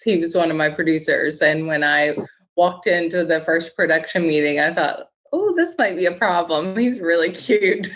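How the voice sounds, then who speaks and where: A woman's voice: on the low side, a bit bright. A woman from West Virginia with an Appalachian accent, chatting as a guest chef in a casual interview.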